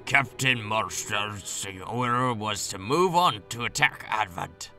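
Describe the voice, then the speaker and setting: A man voicing a gruff, scheming male sky pirate in a game playthrough, speaking low and measured. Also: animated, pushed and bright, soft background music, full character voice.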